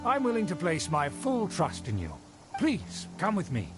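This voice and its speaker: A man's voice: sits high, wildly swooping pitch, normal speed. A pompous snobbish nobleman. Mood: haughty. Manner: pompous, formal, condescending. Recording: game dialogue with music behind.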